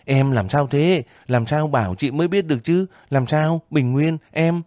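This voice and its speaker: A man voicing a calm, steady young woman soldier who speaks in a level, reassuring way, in an audiobook reading. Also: fairly high pitch, moderate pace, no room sound, studio quality, voice pushed up, close to an everyday voice. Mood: alarmed. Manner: level, reassuring, matter-of-fact.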